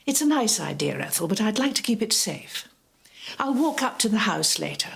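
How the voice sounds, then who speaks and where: A woman's voice: mid-range voice, sing-song, creaky, slight background noise. An actress playing an earnest, principled lady of the house in a period drama. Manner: earnest, brisk.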